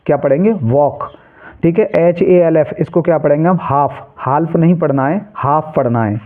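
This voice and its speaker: A man teaching an English lesson who spells words out letter by letter and answers his own questions. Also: fairly high pitch. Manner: spells letters aloud and asks questions, then answers them himself. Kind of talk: classroom-style lesson. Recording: tinny phone-like sound.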